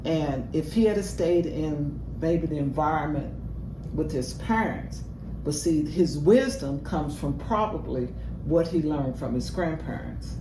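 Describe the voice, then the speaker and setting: A woman's voice: low voice, animated, a little slow. An older woman giving earnest, reflective commentary and life advice in a casual reaction video. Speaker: reaction show co-host. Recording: roomy, distant mic with heavy noise.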